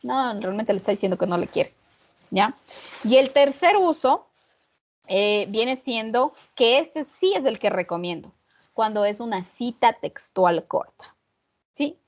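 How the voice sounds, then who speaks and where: A woman's voice: on the high side, expressive, a little slow. A woman teaching an online class on punctuation, often checking in with rhetorical questions to her students. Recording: muffled lo-fi online class audio.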